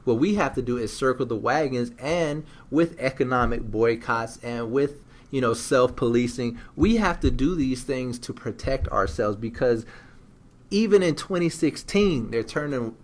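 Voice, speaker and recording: A man's voice: medium pitch, lively intonation, moderate pace. A man co-hosting a podcast in casual discussion, blunt, emphatic and slangy. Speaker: podcast co-host.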